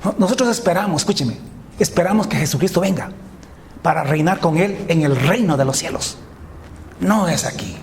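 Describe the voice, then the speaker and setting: A man preaching a sermon as pastor, retelling scenes with lively acted voices. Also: on the high side, brisk, slight background noise. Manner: animated storytelling, acting out voices of biblical figures.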